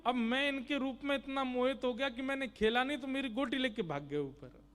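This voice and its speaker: A man voicing a small, innocent village boy who pleads tearfully and insistently in a story. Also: brisk. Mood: earnest. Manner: tearful, pleading, high and loud.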